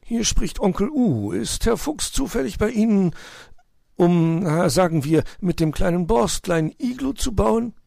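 A man voicing a kindly, calm old male owl uncle who hoots between his words. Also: sits high, unhurried, vocal fry, dry recording, studio quality, voice pushed up, full character voice. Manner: soothing, hooting "huhu".

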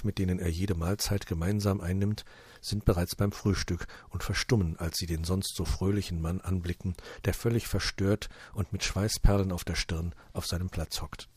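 Low-voiced man reading a story. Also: darkish tone, husky, no echo. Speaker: narrator. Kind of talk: scripted reading of a humorous story.

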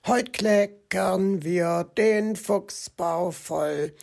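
A man's voice: high-pitched, creaky, a little mellow, full character voice. A man singing as a jolly fox baker in a children's story song.

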